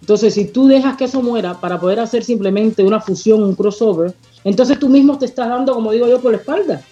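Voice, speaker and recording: A Cuban woman singer, speaking with a Cuban Spanish accent, answers interview questions passionately and emphatically, sometimes searching for a word. Her fairly high, mellow voice moves fast, the highs are cut off, and soft music plays in the background.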